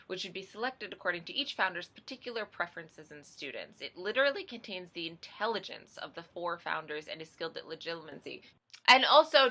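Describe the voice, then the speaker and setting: A woman's voice: fairly low pitch, sharp tone. A woman in a casual barstool debate over drinks, making emphatic, argumentative rebuttals.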